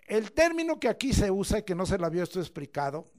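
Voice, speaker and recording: A man preaching a church sermon, emphatic, swinging between loud declamation and low asides and drawing out key words. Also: big pitch swings, fast talker. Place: church service.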